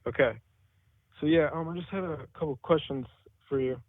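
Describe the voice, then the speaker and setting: A man from New Jersey calling in to a talk show, talking quickly and earnestly with many fillers over a muffled, quiet headset phone line that sounds underwater. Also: on the high side, dry recording. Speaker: caller. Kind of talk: call-in talk show chat.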